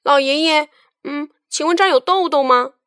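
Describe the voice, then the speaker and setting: A woman voicing a curious, stubborn little boy in a children's story, with high, loud, excited calling. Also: normal speed, dry recording, clean studio sound. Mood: eager.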